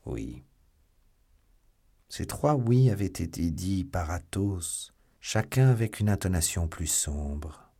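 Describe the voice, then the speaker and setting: A man narrating a classic novel as an audiobook in an even, measured reading. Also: low-pitched. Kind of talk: scripted narration.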